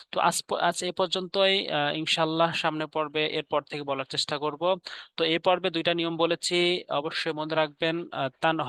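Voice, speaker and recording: Male recitation teacher, slightly high voice, slow repeated drilling, dry close sound. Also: bright, forceful tone, dry recording. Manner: slowly drills Arabic words one at a time, repeating each; patient, repetitive instruction with many filler pauses. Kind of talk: step-by-step recitation lesson.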